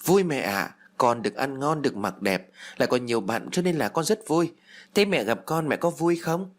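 A man's voice: medium pitch, lively intonation, normal speed, voice pushed up, natural voice. A man voicing the ghost of a young boy who is bitter and vengeful, with a sulky, childish, reproachful way of talking. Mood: happy.

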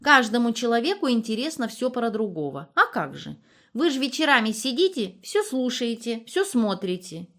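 A woman's voice: fairly high pitch, sing-song, moderate pace, a bit bright, pitched above the performer's own voice. Verka, a woman doing a cheeky, nosy village nurse. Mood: chatty, prying. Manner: chatty, coquettish and prying.

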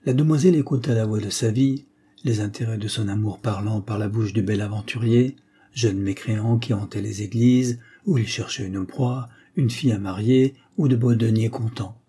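A man narrates classic fiction as an audiobook, with measured, dramatic pacing. His voice is dark and mellow. It carries a husky edge. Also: fairly low pitch.

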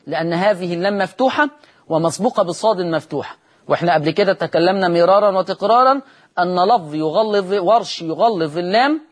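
A man's voice: high-pitched, slightly rough. Egyptian man teaching Quran recitation. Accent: Egyptian Arabic. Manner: asks questions aloud and answers them himself, then chants example words slowly. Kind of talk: televised recitation lesson.

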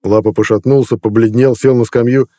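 A man narrating an audiobook in a steady, even storytelling manner on a close studio mic. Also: mid-range voice, fairly quick, dry recording.

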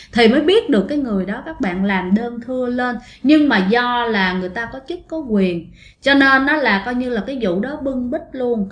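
Woman storyteller, chatty and direct, fairly high voice, roomy echo. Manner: chatty, addresses listeners often. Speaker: ghost story narrator. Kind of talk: casual spoken storytelling.

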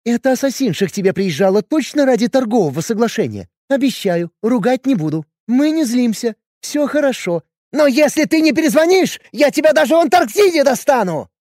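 A man voicing a hot-tempered, jealous young woman who scolds loudly. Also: very high-pitched, expressive, a little fast, few pauses, no room sound, studio quality, pitched above the performer's own voice. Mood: angry scolding. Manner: scolding, loud and sharp.

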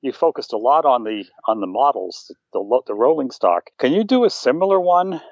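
A man's voice: medium pitch, sing-song, brisk, no room sound. A man from the West Coast calls in to a casual chat, full of eager praise. His voice comes over dry and close, with no room sound, and the call audio is dull and lo-fi. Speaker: caller.

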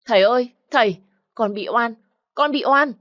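A woman's voice: fairly low pitch, lively intonation, fairly quick, dry recording, studio quality. A woman voicing a hardworking poor village girl who protests her innocence. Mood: wailing. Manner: pleading and protesting.

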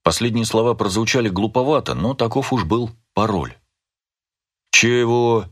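A man narrating an audiobook in a measured, even scripted reading. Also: on the low side.

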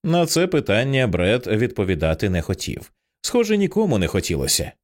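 A male narrator reads a thriller audiobook with expressive, tense delivery. His voice is on the low side. His pitch moves a great deal from phrase to phrase. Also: brisk.

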